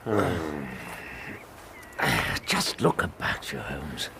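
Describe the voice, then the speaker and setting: A kindly English doctor in a radio drama. He speaks low and with lively rises and falls, gentlemanly and full of concern. Faint noise sits behind the voice. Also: drawn-out words, heavily acted. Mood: fond exasperation. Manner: hesitant, gentlemanly, solicitous. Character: kindly, concerned male doctor, loyal companion.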